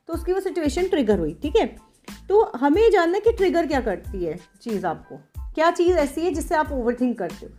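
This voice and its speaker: Woman, high-pitched, teacherly podcast talk, repeats points, faint music underneath. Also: mellow. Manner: teacherly, repeats points with frequent check-ins; mixes English terms into Hindi. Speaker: podcast host, doctor. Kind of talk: explanatory self-help talk.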